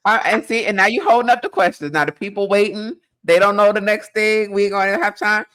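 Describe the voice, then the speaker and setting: A woman's voice: medium pitch, steady tone, a little fast, fairly bright tone. A woman speaking as a guest business coach in a casual interview, direct and pushy, with casual slang.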